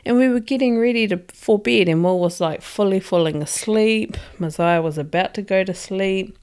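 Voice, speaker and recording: A young woman telling a frightening story in casual chat, animated and jumpy. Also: medium pitch, normal speed, smooth. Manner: animated, jumpy retelling with laughs.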